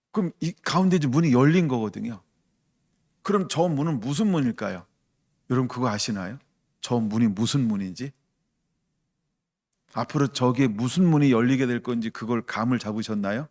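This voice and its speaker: A middle-aged man, a pastor, preaching a sermon in an animated storytelling way, putting rhetorical questions to the congregation. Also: medium pitch.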